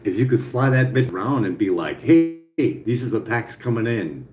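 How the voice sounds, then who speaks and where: A man with speech slurred by missing teeth, rambling casually and repetitively with some swearing, as if thinking out loud. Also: on the low side, sing-song, moderate pace, over loud music. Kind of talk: casual spoken brainstorming to an AI chat. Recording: roomy echo, faint background noise.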